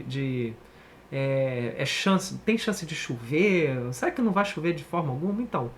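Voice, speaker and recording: A man with a Brazilian Portuguese accent giving a casual online English lesson, chatty and animated, often checking in with the viewer. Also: fairly high pitch, slight background noise. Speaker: English teacher.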